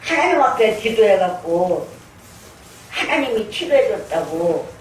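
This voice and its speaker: Older woman pastor, slow testimony sermon, distant mic, faint background noise. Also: medium pitch, big pitch swings, echoey room. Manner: earnest storytelling, acting out her own prayers. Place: church sanctuary.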